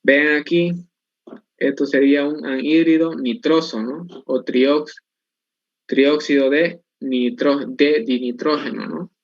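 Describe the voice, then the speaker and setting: A man with a somewhat high-pitched voice leads an online chemistry lesson. He walks through each step, posing questions and answering them himself. The recording is dry and a little muffled. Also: steady tone, slow, no echo. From Bolivia. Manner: explains step by step, asking and answering his own questions. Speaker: chemistry instructor. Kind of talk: online class lecture.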